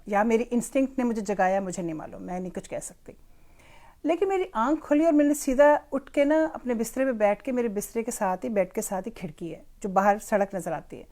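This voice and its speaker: Older woman with a lightly raised pitch, chatting warmly through a personal story about parenting, mixing two languages. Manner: chatty, switches freely between Urdu and English. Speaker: grandmother sharing parenting advice. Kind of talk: casual storytelling monologue.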